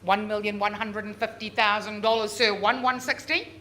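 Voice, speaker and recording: A woman working as a real estate auctioneer, calling bids live with drawn-out repeated figures and chatty coaxing of bidders. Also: medium pitch, steady tone, bright, forceful tone. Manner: drawn-out, repeated bid calls. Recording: noisy live auction room.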